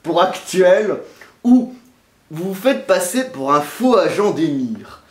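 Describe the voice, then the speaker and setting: A man's voice: high voice, sing-song, slow pace. A man hosting an interview, enthusiastically prompting his guest's stories. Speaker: host. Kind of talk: interview questions. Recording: roomy echo.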